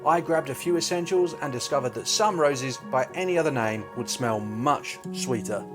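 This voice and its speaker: A man narrates in the manner of an upbeat travel show host. His scripted storytelling is playful and wry, at a middling pitch. Guitar music plays clearly behind his voice. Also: moderate pace. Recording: loud music bed behind voice.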